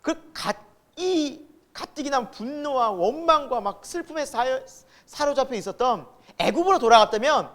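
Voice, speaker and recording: Delivering a Sunday sermon with a very high-pitched voice, the pastor throws rhetorical questions to the congregation. He acts out the voices he quotes, punctuating them with sudden loud emphasis and hushed asides.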